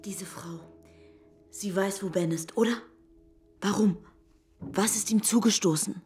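A woman voicing a caring friend who keeps asking careful, worried questions. Music plays softly under her voice. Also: medium pitch, unhurried, lightly acted. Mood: concerned. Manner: probing, concerned questions. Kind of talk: audio drama acting.

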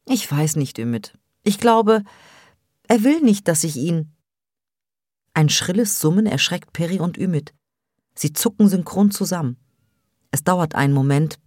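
Tiefe Frauenstimme, Hörbuch. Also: female voice, deep voice, a little mellow, no room sound, studio quality. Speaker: audiobook narrator. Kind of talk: audiobook reading.

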